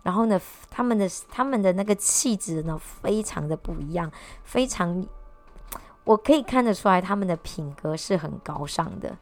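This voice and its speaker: Animated woman telling a story. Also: lowish voice, moderate pace. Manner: animated, frequent restarts and repeated words. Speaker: vlogger. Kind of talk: casual storytelling to camera.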